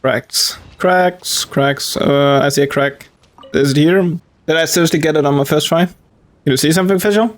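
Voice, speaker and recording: An excitable gamer giving casual, blunt commentary while playing. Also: medium pitch, moderate pace. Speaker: let's play gamer.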